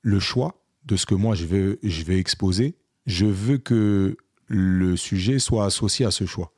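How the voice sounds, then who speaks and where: A man with a fairly low voice tells an animated story in casual chat, slipping in and out of dialogue with plenty of "euh"s. His voice sits close and dry, with no room sound around it. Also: measured pace, breathy edge, no echo. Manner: animated, re-enacts dialogue with many fillers. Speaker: podcast co-host, photographer.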